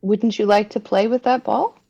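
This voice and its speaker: A woman doing a holiday ghost in a tabletop game, asking steady, probing questions in an everyday voice. The recording sounds slightly dull and lo-fi. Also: mid-range voice, moderate pace, vocal fry, breathy edge.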